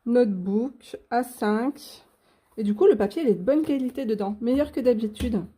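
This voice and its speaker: A woman's voice: a little high, moderate pace, mellow. Chatty woman gushing over craft supplies. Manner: chatty and gushing, many fillers. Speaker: coloring channel host. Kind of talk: casual unboxing chat.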